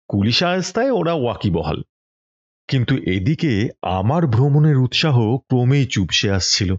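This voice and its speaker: Male audiobook reader, husky, measured and expressive, dull lo-fi sound. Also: mid-range voice. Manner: measured, expressive literary reading. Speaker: storyteller reading a book aloud. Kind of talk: audiobook reading.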